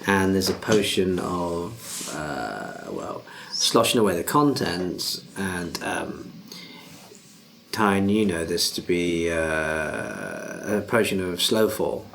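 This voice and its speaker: Low-voiced male game master, halting. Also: very animated, vocal fry, fairly bright tone, slight background noise. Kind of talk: improvised tabletop game narration.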